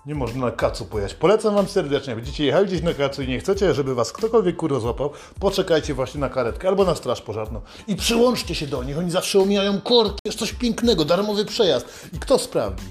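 Man, comedic rant, foul-mouthed, swaggering, fairly high voice, faint music behind. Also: big pitch swings, fast, hardly any pauses.

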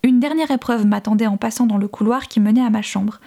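A woman reading a novel aloud in a soft, measured and often hushed voice. Her tone is mellow and warm, pitched a little high. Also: gravelly. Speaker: audiobook reader. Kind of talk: scripted narration.

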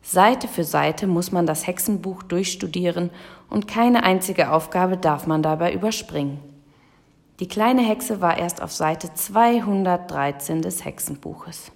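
A woman narrating a children's audiobook in a lively storytelling manner. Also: fairly low pitch, a little slow, gravelly.

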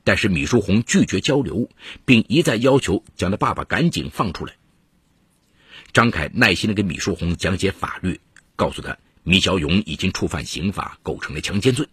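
A man narrating a true-crime story in a measured, scripted storytelling voice with dramatic emphasis. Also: deep voice, animated, fairly bright tone, breathy edge, no room sound. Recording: dry close studio voice-over.

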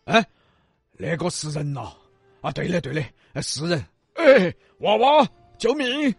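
A loud, high, jumpy shipwrecked merchant with a Sichuanese accent, as a man puts him on in a storybook telling. His voice swings up and down with every exclamation, husky at the edges. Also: normal speed, no echo, soft background music, full character voice. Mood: frantic. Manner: excited, exclaiming, fussy.

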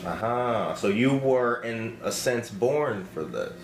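A man hosting a local community show, reading news and shout-outs in an upbeat, casual way, then interviewing a guest. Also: medium pitch, expressive, takes it slowly, a little hiss or hum. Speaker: host.

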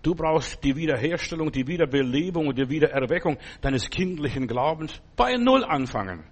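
A pastor preaching a sermon, speaking fervently and directly to the listener, telling stories in a loose, restarting way. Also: male voice, on the high side, animated, fairly quick, breathy edge. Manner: loose, storytelling delivery with restarts.

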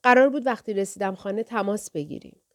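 A woman's voice: medium pitch, no room sound, studio quality, lightly acted. A woman voicing an anxious lovesick woman on the phone, her speech strained and forcing lightness.

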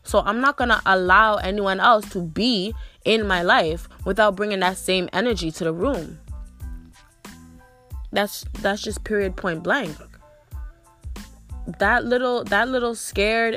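A woman's voice: mid-range voice, a little slow, fairly bright tone, faint music behind. A young woman hosting a podcast, ranting bluntly with lots of profanity and frequent "like". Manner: blunt, profane, repeats "like" often. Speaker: podcast host. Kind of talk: ranting monologue.

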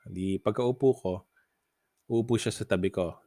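A man's voice: on the low side, a little slow, mellow, no echo, clean studio sound. A man hosting a podcast, casually telling funny stories, laughing often and mixing English into his talk. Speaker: podcast host. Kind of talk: casual storytelling.

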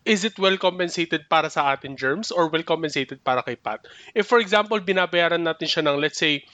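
A man's voice: fairly high pitch, a little fast, bright, forceful tone, no room sound. A young man co-hosting a casual podcast, thinking aloud in a mix of Tagalog and English, often restarting and hedging. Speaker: podcast co-host.

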